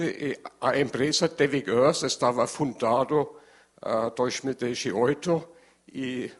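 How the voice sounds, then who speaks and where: A man with a German accent and German as his first language, giving a formal presentation haltingly in a language he is not fluent in, searching for words. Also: mid-range voice, slightly rough.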